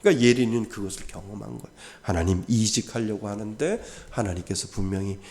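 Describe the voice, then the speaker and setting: Korean pastor guy preaching, kinda low voice, gets loud then drops to a whisper, acts out the quotes. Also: fast talker. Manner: acts out parents and children in quoted voices, swings from loud to soft. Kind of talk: sermon. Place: church sanctuary.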